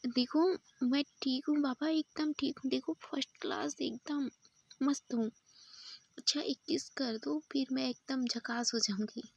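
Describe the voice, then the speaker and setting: A woman's voice: sits high, steady tone, measured pace, creaky, a little mellow, breathy edge, no room sound, highs cut off, exaggerated voice. A woman voicing a loving, playful young woman in whispered role-play, tender and coaxing. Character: loving young woman Jass, teasing and protective.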